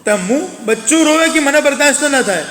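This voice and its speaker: A man with a very high, fairly bright voice preaches a sermon to women, speaking briskly and with animation as he earnestly exhorts them and repeats phrases for emphasis. The recording comes from an echoey hall with long reverb and carries slight background noise.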